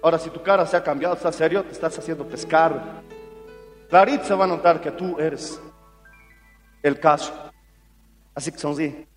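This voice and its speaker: A male pastor preaching a sermon in an animated storytelling way, acting out what people said. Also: fairly high pitch, moderate pace, pauses often. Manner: animated storytelling, acts out quotes. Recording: reverberant hall with faint music.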